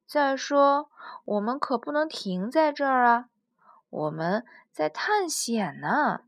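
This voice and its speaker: A woman's voice: high-pitched, big pitch swings, takes it slowly, no echo, studio quality, heavily acted. A woman voicing a brave, cheerful young sea explorer who reassures his friends. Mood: reassuring. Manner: bold, reassuring.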